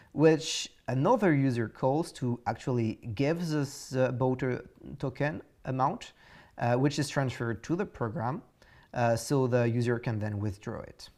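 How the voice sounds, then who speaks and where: A man's voice: medium pitch, darkish tone. Man with a French accent teaching. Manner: halting, many fillers and restarts. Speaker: course instructor. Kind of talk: explaining a coding assignment.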